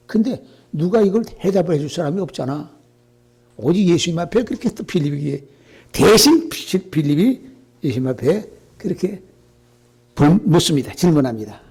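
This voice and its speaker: A pastor preaching a Sunday sermon in a colloquial, emphatic way, full of rhetorical questions. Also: male voice, fairly high pitch, gravelly, a little mellow, slightly rough.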